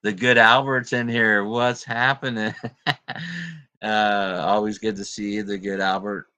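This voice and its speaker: A man's voice: fairly low pitch, level tone, unhurried, bright, forceful tone, clean tone, no echo. A man hosting a casual livestream, greeting viewers and chatting in a laid-back way with plenty of fillers and laughs. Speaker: livestream host.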